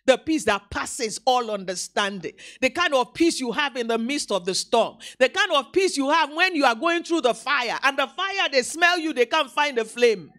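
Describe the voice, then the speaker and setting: A woman preaches a live sermon in a church, her high voice swooping widely as she goes. She acts out little scenes and calls out to the congregation, animated throughout. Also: normal speed, hardly any pauses. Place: church hall.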